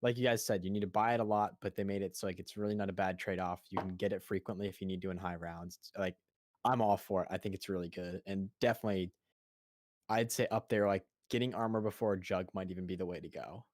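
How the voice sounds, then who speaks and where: A man, a guest on a gaming podcast, giving agreeable, measured opinions on a game. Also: sits low, steady tone, no echo. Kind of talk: casual gaming podcast chat.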